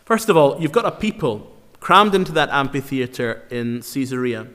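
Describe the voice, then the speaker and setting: An earnest man preaching a sermon at a medium pitch. He presses his points hard and slows down to repeat key phrases. His voice rings with a long hall reverb. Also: sing-song, a bit bright. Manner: earnest, emphatic, with slow dramatic repetitions.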